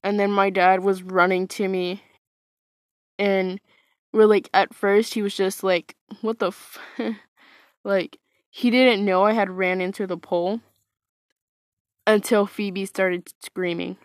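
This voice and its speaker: A woman's voice: medium pitch, flat delivery, slow, long pauses, dry recording, clean studio sound. A woman casually telling a personal story, hesitant and wry, full of fillers and restarts. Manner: wry, self-mocking.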